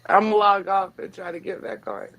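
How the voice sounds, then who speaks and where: A woman's voice: mid-range voice, steady tone, a little fast, fairly bright tone. A woman joining a casual podcast by call as co-host, making plain, slightly exasperated remarks.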